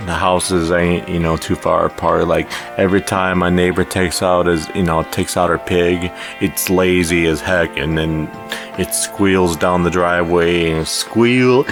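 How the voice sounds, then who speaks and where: Young man, co-host, low voice, slow talker, rambling, folksy, music in background. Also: steady tone. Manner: rambling, folksy, self-deprecating. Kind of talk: casual podcast chat.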